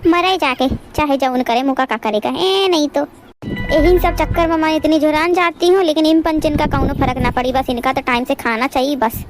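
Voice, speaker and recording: A woman's voice: high-pitched, normal speed, over music, close to an everyday voice. A woman voicing a scheming young daughter-in-law, muttering complaints. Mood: grumbling.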